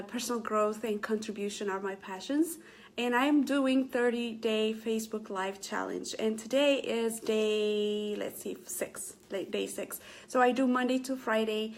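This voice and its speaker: A middle-aged woman from Ethiopia hosting a casual live stream, talking earnestly to viewers with many fillers and restarts. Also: mid-range voice. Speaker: Facebook Live motivational host.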